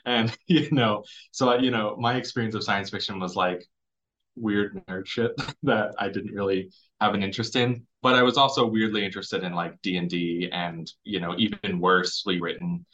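A man's voice: on the low side, steady tone, moderate pace, fairly bright tone. A man who is a book editor, talking as a guest in an interview, casual and self-deprecating. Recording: dull lo-fi audio.

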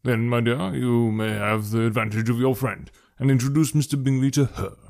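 A man voicing a calmly ironic middle-aged gentleman father in an audiobook, measured, formal and deadpan. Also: medium pitch, creaky, close to an everyday voice. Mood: wryly teasing. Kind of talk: audiobook character voice.

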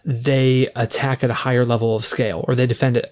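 A man, acting as game master and explaining the rules in relaxed, casual chat full of fillers. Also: mid-range voice, fairly quick.

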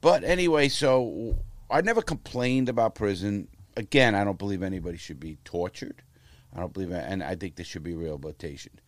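A man in his fifties with a deep voice speaks a little fast, with no echo. His interview stories are casual, animated, blunt and profane.

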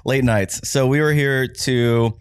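A man's voice: medium pitch, fairly even intonation, slow, clean tone, dry recording. A man co-hosting a podcast in casual chat with dry, understated humor, recorded in a living room on a cheap microphone. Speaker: podcast co-host. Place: living room of a rented apartment.

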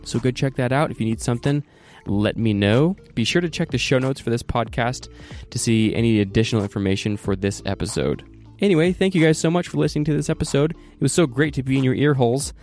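A man hosting a podcast, talking in a relaxed, laid-back way during a casual interview. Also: mid-range voice, fast talker, hardly any pauses, faint music behind. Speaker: podcast host.

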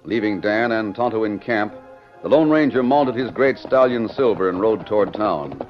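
A man giving steady, formal scripted narration for a 1940s radio drama on a dull old broadcast recording. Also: fairly low pitch, moderate pace, soft background music.

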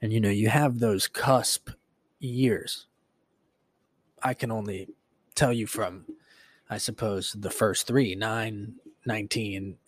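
Hosting a solo podcast, a man in his late twenties muses in a loose, rambling way, swearing and using lots of fillers. He has a mid-range, darkish voice with a breathy edge, recorded without echo.

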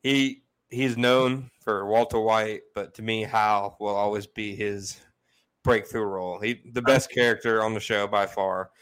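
A man with a fairly low voice co-hosts a podcast in an easygoing chat. He retells funny scenes and often laughs along with them. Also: steady tone, measured pace, a bit bright, clear, resonant tone, low-quality recording. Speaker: podcast co-host. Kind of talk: casual chat.

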